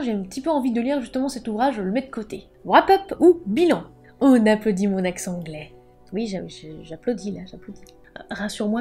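Woman with a high, mellow voice. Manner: playful, jokey asides. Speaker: book vlogger and author. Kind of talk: casual explanatory video.

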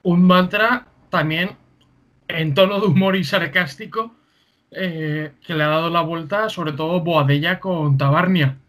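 A man in his thirties hosts an interview over a video call. His voice sits a little high for a man, and he frames his questions in a brisk, leading way. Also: a bit bright. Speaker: host.

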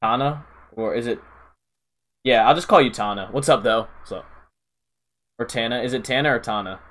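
A young male streamer chatting loosely to his viewers in a medium-pitched voice. He rambles, restarts, and peppers his talk with fillers and slang while he reads comments aloud. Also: normal speed, fairly bright tone. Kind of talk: casual live-stream chat.

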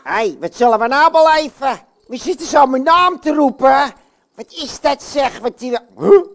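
A puppeteer voicing a boastful, cheerful male puppet hero who exclaims loudly and talks straight to the children. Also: sits high, lively intonation, moderate pace, pitched above the performer's own voice. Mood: boisterous. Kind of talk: puppet show. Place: bookshop, indoors.

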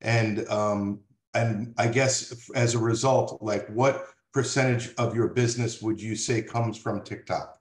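A man's voice: lowish voice, fairly even intonation, a little slow, echoey room. A man asking questions on a video call, polite and a little hesitant, with stumbling restarts.

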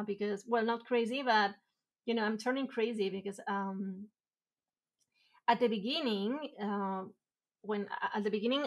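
While drawing for her stream at home, a woman talks casually in a fairly bright, somewhat high voice. She grew up speaking Spanish. She rambles along with lots of fillers and restarts, often laughing at herself.

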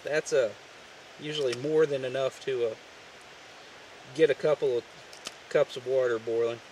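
A man casually showing a homemade camp stove outdoors, talking in a relaxed, folksy way with many fillers. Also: medium pitch, moderate pace, recorded from a distance, a little hiss or hum. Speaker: outdoor gear vlogger. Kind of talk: casual how-to demonstration. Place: outdoors on the ground, off camera.

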